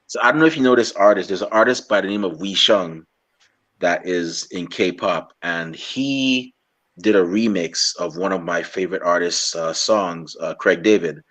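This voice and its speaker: A young man from Guyana interviewing a guest in a relaxed, rambling way, often restarting his sentences. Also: sits low. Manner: rambling, halting with many restarts. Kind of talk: casual interview chat.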